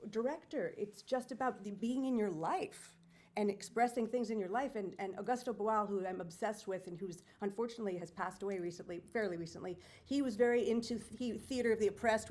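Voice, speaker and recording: A woman's voice: medium pitch, fast, darkish tone. A woman in a community discussion, talking eagerly and at length about theater and the arts. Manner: talkative, enthusiastic, with restarts. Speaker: community panel participant, theater enthusiast. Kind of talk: casual discussion.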